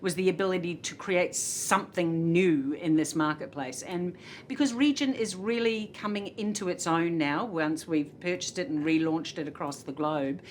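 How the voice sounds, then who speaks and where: A middle-aged woman with a New Zealand accent talks casually as a hotel executive guest in an interview. Her voice sits a little low, and she laughs often, scattering uhs between her thoughts. A faint rumble runs underneath. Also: moderate pace. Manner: chatty, laughs often, many filler uhs.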